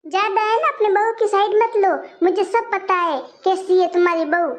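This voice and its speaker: A performer playing a bossy, sharp-tongued grown daughter. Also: extremely high pitch, fairly even intonation, moderate pace. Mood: indignant. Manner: scolding, complaining. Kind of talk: comic family skit.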